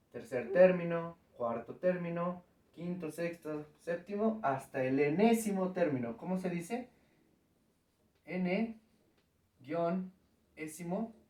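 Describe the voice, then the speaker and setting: A man's voice: high voice, darkish tone, recorded from a distance. A man teaching a recorded math lesson at the board, patiently explaining step by step and checking in with the students. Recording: echoey room, voice from off-mic.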